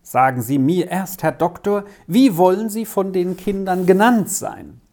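A reader doing a brisk, hearty country father. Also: medium pitch, animated, darkish tone, pitched above the performer's own voice. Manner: brisk, formal introducing.

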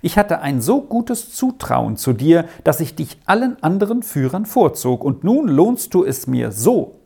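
Reader doing a bossy lady traveler, higher voice, lively swings, gravelly edge, storybook. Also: measured pace, exaggerated voice. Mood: annoyed. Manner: commanding, scolding. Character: insistent well-off lady traveler. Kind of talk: audiobook reading.

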